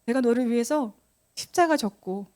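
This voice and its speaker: A woman pastor preaching at a youth retreat, telling a childhood story in a lively, animated way and acting out the voices of the people in it. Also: fairly high pitch, normal speed.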